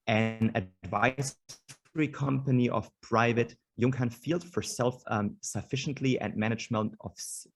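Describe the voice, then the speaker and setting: A man hosting an online panel over a video call, introducing speakers with many hesitations and fillers. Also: medium pitch. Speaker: host.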